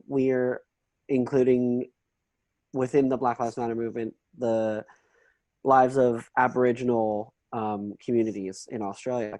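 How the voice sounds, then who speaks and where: A man's voice: mid-range voice, mellow, no echo, low-quality recording. A young man from Hong Kong, a photographer, answering interview questions in a loose, rambling way with many ums.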